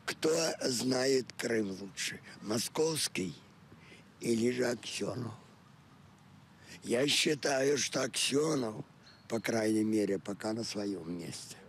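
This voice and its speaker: A man giving a slow, deliberate opinion in a street interview. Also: mid-range voice, lively intonation, a little hiss or hum. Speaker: passer-by.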